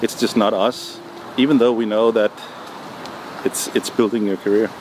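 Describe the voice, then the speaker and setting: A man answering interview questions in a relaxed, hesitant way, with many ums and restarts. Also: fairly low pitch, moderate pace. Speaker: music producer guest. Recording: noisy background.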